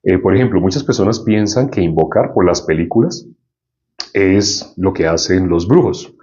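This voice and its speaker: Low-voiced man teaching a Bible lesson. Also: animated, moderate pace, mellow, lo-fi sound. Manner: conversational, often asks the listeners questions. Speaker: preacher.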